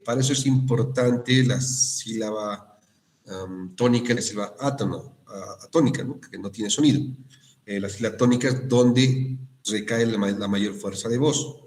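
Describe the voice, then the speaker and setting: A male teacher giving an online class on spelling and accents, explaining slowly with frequent checking questions and restarts. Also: fairly low pitch. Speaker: university language teacher.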